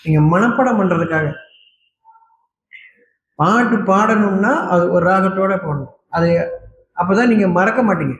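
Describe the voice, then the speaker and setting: A man preaching a sermon, scolding his listeners with a steady stream of rhetorical questions. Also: high voice, measured pace, long pauses, roomy sound, lo-fi sound, a little hiss or hum.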